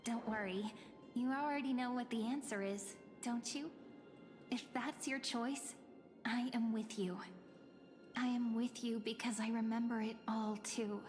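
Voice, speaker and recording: A woman acting a slow, sweet, playful anime girl-next-door. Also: on the high side, fairly even intonation, close to an everyday voice. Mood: tender, earnest. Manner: teasing, gentle, theatrical. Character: sweet, playful young woman, dreamy childhood friend. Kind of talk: anime-style game voice acting. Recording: long reverb, music over voice.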